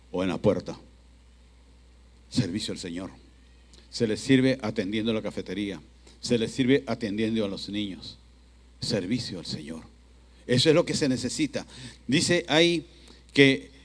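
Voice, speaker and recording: A man preaching a language sermon as pastor, emphatic and lively, acting out excuses in quick quoted asides. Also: medium pitch.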